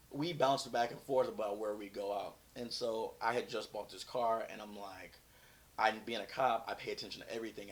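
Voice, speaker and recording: A man, a former police officer, frankly telling a personal story in an interview, acting out the dialogue as he goes. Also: on the low side.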